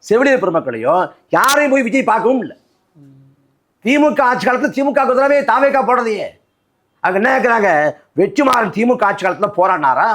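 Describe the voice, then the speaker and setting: Forceful party spokesman, lively pitch. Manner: forceful, rhetorical, repeats phrases for emphasis. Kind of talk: political interview.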